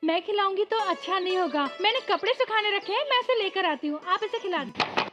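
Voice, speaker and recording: A woman's voice: very high voice, lively intonation, brisk, bright, forceful tone, soft background music, full character voice. A woman dubbing a playful young woman who teases and giggles. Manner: teasing, giggly. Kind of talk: Hindi film dub. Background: film score.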